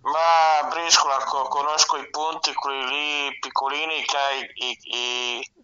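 A man's voice: on the high side, flat delivery, measured pace, sharp tone, lo-fi sound, a little hiss or hum. A man heard over the phone as a radio show guest, chatting casually and searching for his words.

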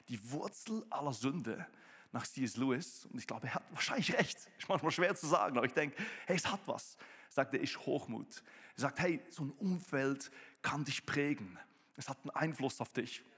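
A man preaching a sermon in a lively, conversational way, getting louder and more excited as he goes. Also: mid-range voice, moderate pace, slightly rough. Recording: long reverb of a hall.

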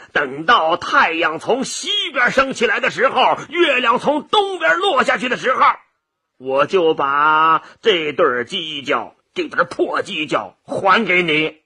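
A haughty male dragon from a storybook, booming and unhurried, played by a man. He talks big with a bright, husky edge. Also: very animated, heavily acted. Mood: scornful. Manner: blustering, lower and slower. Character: boastful proud male dragon.

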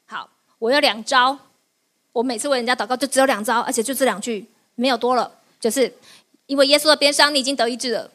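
High-voiced woman pastor. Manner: lively, asks the audience quick questions and answers them; laughs often while teaching. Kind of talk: sermon.

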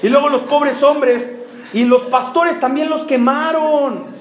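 A man's voice: very high voice, fairly even intonation, slow. A man with a Mexican accent preaching a sermon, firing rhetorical questions and jokes at the congregation. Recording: roomy hall with faint background noise.

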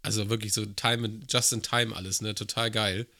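A man's voice: on the low side, flat delivery, fairly quick, pushed and bright, no echo, studio quality. A man telling a long work story in casual podcast chat, with crude slang and acted-out dialogue. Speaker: podcast co-host.

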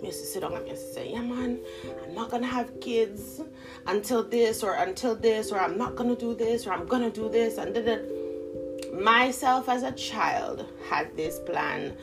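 Over music, a vlogger in her thirties talks directly to the camera with a casual, motivational monologue. Her voice is on the high side at a normal speed, and her Toronto accent carries Jamaican Patois inflections; she laughs a lot and shifts between slang and standard English.

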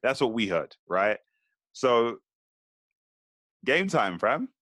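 A man co-hosting a podcast, telling stories in a lively, slangy way. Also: mid-range voice, slow, no echo. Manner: animated storytelling, slangy. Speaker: podcast co-host. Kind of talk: casual podcast chat.

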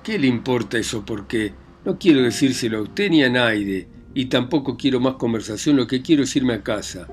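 A man reading aloud voices a defiant, grieving young country widow who answers with sharp, indignant retorts. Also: medium pitch, expressive, moderate pace, few pauses, natural voice.

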